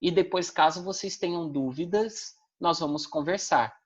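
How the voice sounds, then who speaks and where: Low-voiced Brazilian woman teaching a class. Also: normal speed, husky, lo-fi sound. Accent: Brazilian Portuguese. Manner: didactic, checks in with tag questions. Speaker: Portuguese language teacher. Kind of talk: online class lecture.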